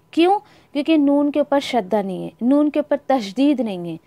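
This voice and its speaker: Woman recitation teacher, unhurried, stretches out each word to demonstrate, drops in English phrases, dry recording. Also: sits high, darkish tone, dry recording. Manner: slow, drawn-out demonstration of Arabic pronunciation; mixes in English words. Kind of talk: Tajweed lesson.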